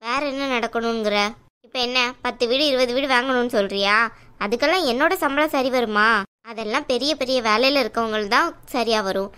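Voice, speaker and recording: A headstrong working young woman in a cartoon, voiced by a woman, speaks high and bright. She argues bluntly and will not give in. Her tone stays firm and quick to push back. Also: clear, resonant tone, lightly acted. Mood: arguing. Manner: argumentative, blunt. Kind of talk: cartoon dialogue.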